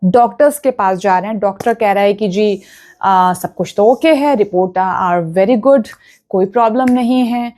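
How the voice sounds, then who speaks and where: A woman's voice: mid-range voice, unhurried, mellow. A woman vastu consultant giving earnest, instructive advice straight to her viewers, often checking that they follow. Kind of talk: direct-to-camera advice talk.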